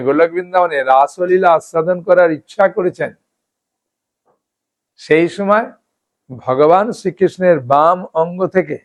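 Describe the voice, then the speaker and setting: A man giving a devotional scripture talk, explaining slowly and often checking in with his listeners. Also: a little high. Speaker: devotional speaker.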